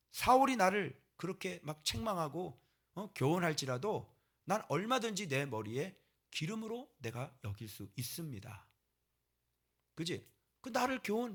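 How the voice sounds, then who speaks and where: A high, bright male voice preaching with a lot of swing in its pitch. He drives each point home and scolds his listeners, then turns to them for agreement before he moves on. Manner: emphatic, scolding, asks the congregation for agreement. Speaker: pastor. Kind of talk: sermon.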